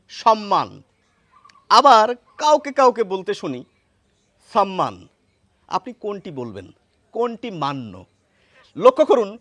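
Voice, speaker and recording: A man with a high, very lively voice teaches pronunciation, repeating each word carefully to demonstrate it. The recording is dry and close, with no room echo. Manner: explanatory, pointing to a written board, repeating words to demonstrate. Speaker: language teacher. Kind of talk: pronunciation lesson.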